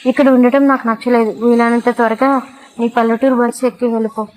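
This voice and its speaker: A woman's voice: on the high side, flat delivery, brisk, darkish tone, slight background noise, natural voice, rough recording. A woman voicing an arrogant, cruel young male college student in an audio storybook, with a mocking, taunting manner.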